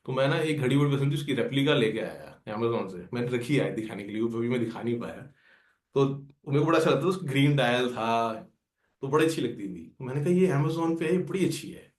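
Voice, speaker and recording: At a devotional gathering, a man tells a testimony about his own experience in a casual way, voicing what his friends said. He has a mid-pitched, somewhat dark voice, and the room adds a noticeable echo.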